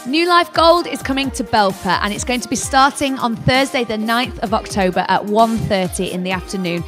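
A woman's voice: fairly high pitch, moderate pace, fairly bright tone. A young woman presenting church news announcements into a handheld mic in a church café, upbeat and inviting. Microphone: handheld microphone. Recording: music bed behind voice.

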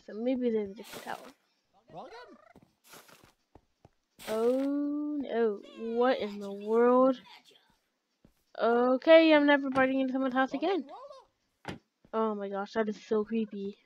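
High-voiced woman narrating her gameplay. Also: measured pace, long pauses, a little mellow, a little hiss or hum, rough recording. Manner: chatty, talks to herself and to game characters. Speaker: gaming channel host. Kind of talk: let's play commentary.

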